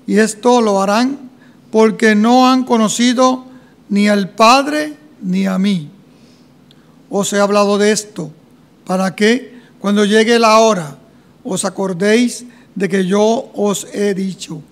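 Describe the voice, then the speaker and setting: A middle-aged or older man reading and praying solemnly as a clergyman, in measured declamatory phrases, with a church echo. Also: high voice. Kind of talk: solemn liturgical reading and prayer. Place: church sanctuary at a lectern microphone, congregation present.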